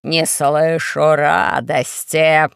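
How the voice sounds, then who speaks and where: A reader voicing a gruff, bossy troll herald who barks officious announcements in an audiobook. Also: medium pitch, steady tone, a little slow, a bit bright, no room sound, studio quality, pitched below the performer's own voice.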